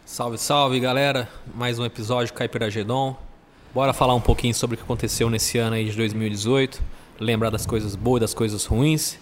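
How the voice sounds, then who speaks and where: A man's voice: medium pitch, fairly even intonation, brisk. A Brazilian man co-hosting a podcast in casual, chatty speech. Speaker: podcast co-host. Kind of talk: casual chat. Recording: long reverb, faint background noise.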